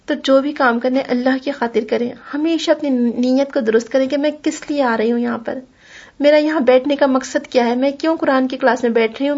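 A woman with a high voice gives a religious lesson to a class. She explains patiently and goes back over key points, now and then reciting verses. The recording sounds slightly dull and lo-fi. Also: a little mellow. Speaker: Quran teacher.

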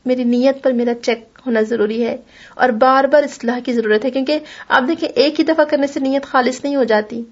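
High-voiced woman teaching a Quran class. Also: fairly even intonation, muffled recording. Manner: explains patiently, repeats key points, recites Arabic verses. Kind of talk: religious lesson.

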